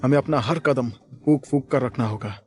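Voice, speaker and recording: A man's voice: medium pitch, moderate pace, darkish tone, breathy edge, close to an everyday voice. A man voicing a cautious young male hero in an audio drama, calling out urgent warnings. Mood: tense.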